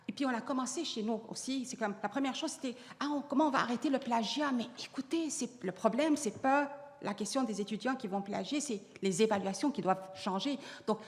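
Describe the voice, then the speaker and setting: Her voice is on the high side and a little fast as she responds to the audience as a panelist on AI in education. A native Arabic speaker, she's earnest, restarting sentences often and using many fillers, all in a hall with long reverb.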